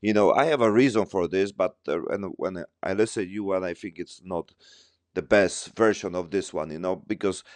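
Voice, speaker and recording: A man hosting a podcast in casual talk, halting and searching for his words as he thinks aloud. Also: deep voice, no echo. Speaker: podcast host. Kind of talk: casual conversation.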